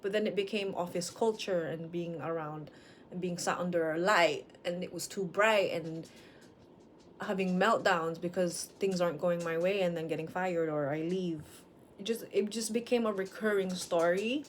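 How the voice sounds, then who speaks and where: Woman, late twenties, slightly low voice, frank and rambling, personal vlog. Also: moderate pace, slight background noise. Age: late 20s. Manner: frank, rambling, self-questioning. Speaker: vlogger. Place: at home with dogs.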